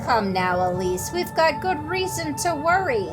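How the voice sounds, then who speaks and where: A woman's voice: sits high, sing-song, unhurried, music in the background, voice pushed up. A woman voicing stern, lecturing village men who speak in an old-fashioned way.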